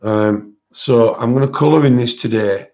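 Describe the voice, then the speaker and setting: A man's voice: mid-range voice, moderate pace, darkish tone. A man who says w for r, chatting casually as he hosts an art livestream. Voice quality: cannot pronounce his R's properly, says w for r. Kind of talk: casual live-stream chat, showing colouring books. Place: indoors at a desk, overhead camera on hands. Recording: dull, lo-fi sound.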